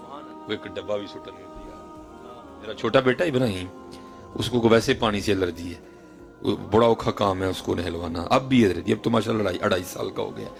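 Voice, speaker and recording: A man in his thirties with a Punjabi accent, preaching an emotional sermon and telling stories, with loud outbursts and hushed lines in turn. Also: on the low side, creaky.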